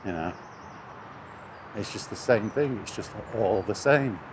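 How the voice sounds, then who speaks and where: In a lowish, expressive voice at a measured pace, a British man vents in a casual, foul-mouthed rant. He's a gaming vlogger out on foot beside traffic, and the audio carries street and vehicle noise.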